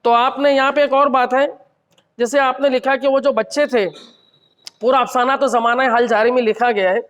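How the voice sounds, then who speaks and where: A man giving a measured, analytical critique of a short story at a literary gathering, with occasional restarts. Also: extremely high pitch, fairly even intonation, fairly bright tone. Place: college hall. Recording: reverberant hall.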